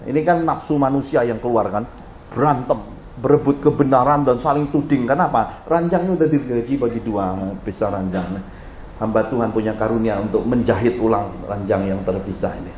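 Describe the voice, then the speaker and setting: A man's voice: mid-range voice, a little hiss or hum. Man preaching, echoing hall. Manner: animated storytelling, addressing the congregation directly. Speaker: pastor. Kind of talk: sermon. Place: church hall. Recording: roomy church hall echo.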